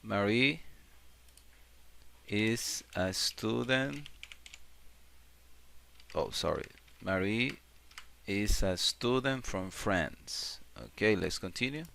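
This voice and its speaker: A man teaching a beginner English grammar lesson, repeating example sentences slowly and clearly. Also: on the low side, lively intonation, bright, forceful tone. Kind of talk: slow classroom-style grammar lesson.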